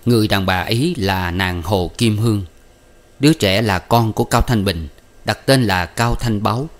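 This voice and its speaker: A man reading an old novel as a measured audiobook narration, adding spoken footnotes. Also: lowish voice.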